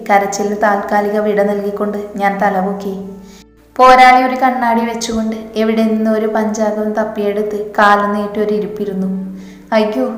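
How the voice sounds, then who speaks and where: Woman reading a love story out loud, wry and playful but kinda flat, roomy echo. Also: mid-range voice. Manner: wry, playful first-person narration. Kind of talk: narrating a romantic story. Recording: roomy echo with long reverb.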